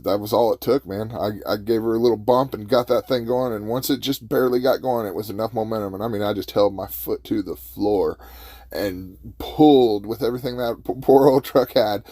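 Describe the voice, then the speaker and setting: Folksy man, mellow storyteller, dry close sound. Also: fairly low pitch, a little fast, no room sound. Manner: folksy, chatty, chuckles often. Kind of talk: casual storytelling.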